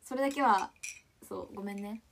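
A woman's voice: medium pitch, fairly quick, gravelly. A young woman in her twenties from Ishikawa, chatting casually on a livestream with a mostly standard accent that slips into Kansai touches, giggling and reading comments aloud. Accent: mostly standard Japanese with Kansai touches. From Ishikawa, Japan. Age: 20s.

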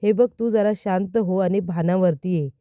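A stern, exasperated young husband scolds and gives firm orders, as a woman narrator reads his part. The voice is dark and mellow, recorded dry and close. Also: fairly low pitch, normal speed, dry recording, lightly acted. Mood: scolding.

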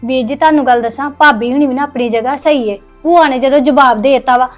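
Give me a fast-talking, outspoken Punjabi woman, with soft music behind. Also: sits high. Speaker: family member. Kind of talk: Punjabi family drama acting.

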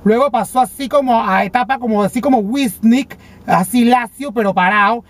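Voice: mid-range voice, normal speed, natural voice. A comic performer with a Panamanian accent playing a vain, dramatic female TV personality who complains flamboyantly and stammers, speaking from inside a parked car. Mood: indignant. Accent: Panamanian Spanish. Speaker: comedy character vlogger. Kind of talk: comedic character monologue.

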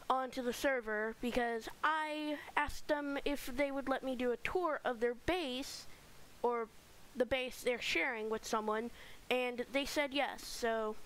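A woman's voice: high-pitched, a bit bright, low-quality recording. A woman hosting a casual game let's play, chatting in a rambling way as she gives a tour with fillers. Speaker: gaming channel host.

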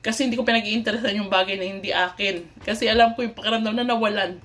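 A woman's voice: medium pitch, fairly even intonation, fast talker, fairly bright tone. A woman from the Philippines telling a story to her viewers in a casual, chatty way, mixing in English with many fillers and restarts. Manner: polite, addresses viewers often. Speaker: vlogger.

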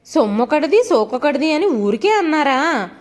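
Storybook nagging wife, high and animated, read by a woman. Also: moderate pace. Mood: scolding. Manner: nagging, sarcastic, loud. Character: quarrelsome middle-aged wife, sharp-tongued.

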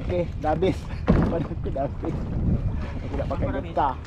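A man's voice: a little high, fairly even intonation, fast talker, dull audio. A man with a Singaporean accent, chatting playfully while vlogging his fishing trip from a kayak at sea. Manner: chatty, playful, laughs between lines. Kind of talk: casual on-the-water vlog chat, mixing Malay and English. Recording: strong wind and water noise outdoors.

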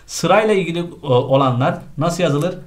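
Male teacher, slightly high-pitched, brisk quizzing delivery for an exam-prep lesson. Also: expressive. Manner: brisk quizzing, repeats the correct form after each answer.

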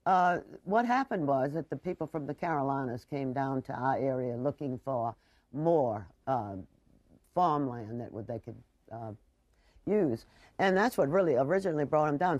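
A woman in her sixties, appearing as a talk show guest on a TV studio kitchen set, tells local-history stories emphatically and conversationally. Her voice is extremely low in pitch with a darkish tone, and there's no room sound.

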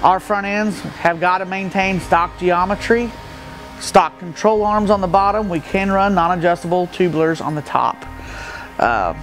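Standing in an open, gravel-floored metal shed near the outdoors, a middle-aged stock car racer from the American Midwest explains his car to a camera a few feet away. His voice is high, and his casual walkaround is plain-spoken and matter-of-fact, peppered with fillers.

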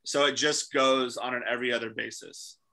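Man, 30s, host on a video call; very bright tone, lots of ums. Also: mid-range voice, steady tone, low-quality recording. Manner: halting, many fillers. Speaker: ministry staff host. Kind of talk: casual video call talk. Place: small room indoors.

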